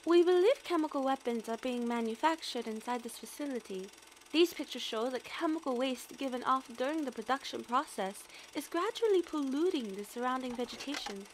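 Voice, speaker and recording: A woman plays an earnest, eager young military analyst in a scripted audio drama, sounding precise and deferential as she gives a sincere briefing. Her voice sits high and expressive, and she speaks briskly over slight background noise.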